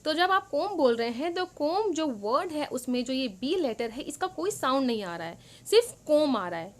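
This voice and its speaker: High-voiced woman teaching children. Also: sing-song. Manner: explains in Hindi, reads English lines slowly. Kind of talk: worksheet lesson for young children.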